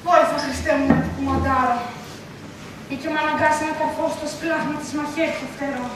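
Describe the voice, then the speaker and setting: A woman's voice: sits high, steady tone, heavy background noise, natural voice. A woman acting an anxious, devout mother in a school stage play, lamenting and pleading, recorded from far off on an echoey stage. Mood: worried. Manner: fervent, prayerful, lamenting. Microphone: distant camera mic.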